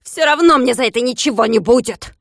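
A woman's voice: medium pitch, steady tone, moderate pace, dry recording, clean studio sound, lightly acted. A woman voicing a furious bald rich male landowner who screeches orders and insults in a storybook reading. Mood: shrieking furious. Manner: screeching, ranting, bossy insults. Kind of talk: audiobook character voice.

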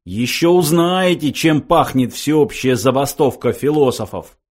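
A man's voice: medium pitch, unhurried, husky, pitched above the performer's own voice. A man voicing an indignant older male philosopher, pompous and easily exasperated.

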